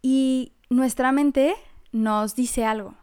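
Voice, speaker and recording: A woman giving a relaxed motivational talk in a smooth, resonant voice that sits a little high. She is animated, laughs often, and acts out the voices of the people she describes. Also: extremely slow. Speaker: speaker on personal growth.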